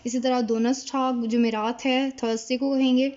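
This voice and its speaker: A woman who speaks natively, teaching German vocabulary at a board, explaining slowly and repeating each word. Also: high-pitched, level tone, darkish tone, highs cut off. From Pakistan. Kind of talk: casual whiteboard lesson.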